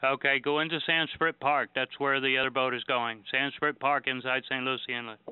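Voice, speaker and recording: Brisk Coast Guard operator on marine radio. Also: male voice, mid-range voice, flat delivery. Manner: clipped, procedural radio speech. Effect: marine radio transmission. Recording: tinny marine radio with faint static.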